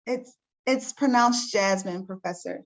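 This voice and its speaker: A woman reads a young nonbinary college student who gently corrects the professor. The voice is slightly high, polite and tentative. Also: a little slow, natural voice, rough recording. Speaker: student leader reading a training scenario. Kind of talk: read-aloud role-play scenario.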